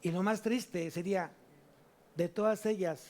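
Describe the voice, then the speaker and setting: A man preaches a sermon in a high-pitched voice. He keeps asking questions and answering them himself, with lively stops and restarts. He speaks into a microphone in a church. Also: unhurried. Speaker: pastor.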